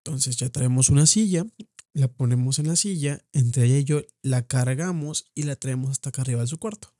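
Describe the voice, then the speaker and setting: A man's voice: mid-range voice, warm tone, no echo, studio quality. Mexican man telling a painful story. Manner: halting, repeats words, emotional retelling. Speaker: podcast host. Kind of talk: personal storytelling. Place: at home.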